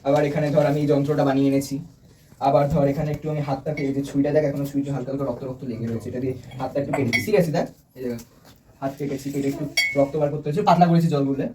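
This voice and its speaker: A young man gives a casual, chatty presentation to a small group of friends indoors, joking and asking them questions as he explains. His mid-range voice is warm and level, and he talks at a quick pace. The distant mic picks up light room noise.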